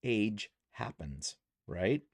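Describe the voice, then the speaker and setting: A man's voice: lowish voice, animated, drawn-out words, breathy edge, no room sound. A man in his sixties, retired, chatting casually in a rambling way with many fillers on a vlog, possibly with a Canadian accent. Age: 60s. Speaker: vlogger.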